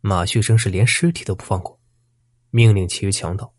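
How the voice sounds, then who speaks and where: A man narrates a dark folk tale in a steady storytelling voice. His tone is low and husky. The recording is close and dry. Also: fairly quick, no room sound.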